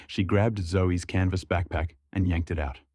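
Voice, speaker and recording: Casting: male storyteller, low voice, dry close recording, measured delivery. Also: fairly even intonation, darkish tone, dry recording. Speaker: narrator. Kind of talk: scripted story narration.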